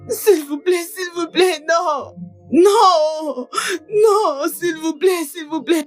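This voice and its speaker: A woman's voice: fairly high pitch, dark tone, lightly acted. An actress playing a confused, stubborn mother who repeats herself and pleads through tears for her son. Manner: halting, repeats herself slowly. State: crying.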